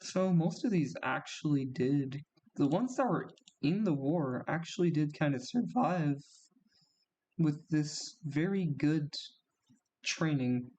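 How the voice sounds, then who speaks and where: A man's voice: fairly high pitch, slow, darkish tone. A man casually commenting as he plays a strategy game, reacting aloud with small gasps and laughs as things happen. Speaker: gaming YouTuber.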